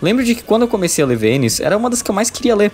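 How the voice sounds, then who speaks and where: Over background music, a man with a Brazilian accent narrates a scripted yet informal video essay reviewing visual novels, casual and full of profanity. His voice is high-pitched and very animated, a rapid-fire delivery with a slightly mellow quality.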